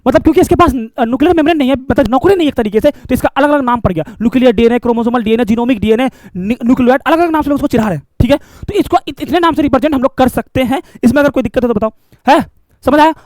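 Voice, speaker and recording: A man's voice: extremely high pitch, very fast, a little mellow, dry recording, studio quality. A male biology teacher, lecturing a class and coaxing answers by asking questions and repeating key terms.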